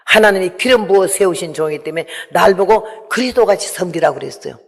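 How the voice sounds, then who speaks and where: This missionary, a woman in her eighties, preaches an emotional testimony and voices the people in her story herself. She talks fast in a lowish, expressive voice that's gravelly and a bit rough, and the large hall adds a long reverb.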